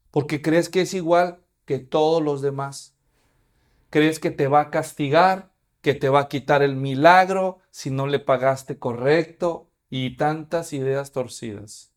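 A man's voice: a little high, a little mellow. A man, preaching a sermon as pastor and asking his congregation questions.

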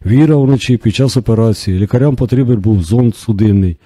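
A man's voice: mid-range voice, a little fast, dark tone, dry recording, lightly acted. A man reading a frightened, sleepy young female nurse in an audiobook, answering hesitantly and stammering. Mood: timid.

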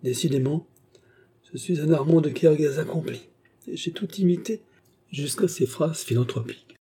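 A man's voice: medium pitch, expressive, moderate pace, mellow, husky. A man voicing a scheming baronet villain who poses as a kind benefactor, talking in an earnest, persuasive way in a French audiobook novel. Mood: gloating.

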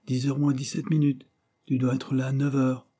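A man's voice: medium pitch, completely flat delivery, moderate pace, mellow, pitched above the performer's own voice, close to an everyday voice. A man voicing a strict older male Quaker factory manager who scolds severely and with emphasis. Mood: stern scolding.

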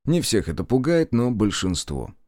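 A man narrating an audiobook with a very deep voice and lively, rising-and-falling intonation. His storytelling is measured and expressive, recorded dry and close. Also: no echo. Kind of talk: scripted narration.

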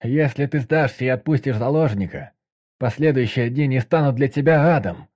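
A man voicing a male squad commander who shouts orders through a wall. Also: medium pitch, moderate pace, highs cut off, pitched above the performer's own voice, close to an everyday voice. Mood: commanding.

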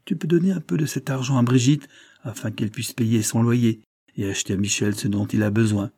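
A man reading an audiobook, voicing a gentle, tender young widowed mother speaking to her son. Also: on the high side, level tone, fast, husky, voice pushed up.

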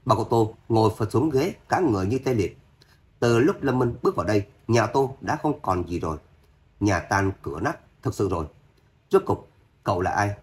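A man narrating an audio novel in a steady, dramatic storytelling manner. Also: fairly low pitch, a little fast.

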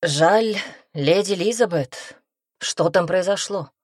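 A woman's voice: on the low side, slow, no echo, studio quality. A woman voicing a commanding young prince. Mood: earnest. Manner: steady, urging, commanding. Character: male prince, calm, commanding mentor.

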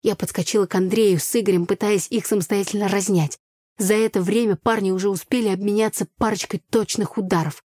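A woman narrating a first-person audiobook story with an even, storytelling delivery. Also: mid-range voice, a little fast, no echo, studio quality.

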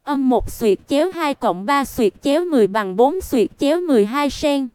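A woman's voice: high voice, animated, a little mellow, no echo, clean studio sound. A woman reading a story aloud as an audiobook narrator, voicing the characters' dialogue in turn. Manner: reads unhurried, voices characters' dialogue in turn.

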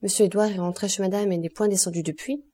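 A woman's voice: mid-range voice, steady tone, quick pace, dark tone, close to an everyday voice. A woman reading the lines of a respectful male house valet in an audiobook, with plain, deferential replies.

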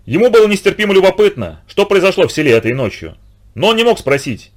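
A man reading a story aloud in a steady, expressive audiobook narration. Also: high-pitched, fast talker.

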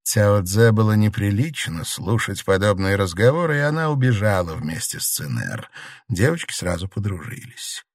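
A man narrating a classic novel as an audiobook reader, in a steady, even storytelling manner. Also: on the low side, normal speed, no room sound, studio quality. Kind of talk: scripted narration.

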